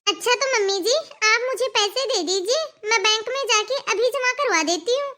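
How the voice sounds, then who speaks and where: A voice actor playing a polite, educated young daughter-in-law in an animated cartoon. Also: very high voice, normal speed, noisy background. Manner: polite, eager.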